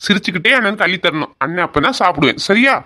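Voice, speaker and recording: A performer voicing a caring older brother who softly reassures his younger sister in an amateur audio drama. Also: mid-range voice, animated, racing. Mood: reassuring. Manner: soft, reassuring, affectionate.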